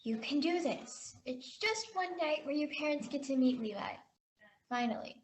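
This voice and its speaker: A woman's voice: high voice, lively intonation, moderate pace, low-quality recording. An actress playing an anxious young woman in a comedy sketch, fretting and laying down rules. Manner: nervous, fretful, over-explaining. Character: anxious young woman introducing her boyfriend. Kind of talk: amateur comedy sketch acting.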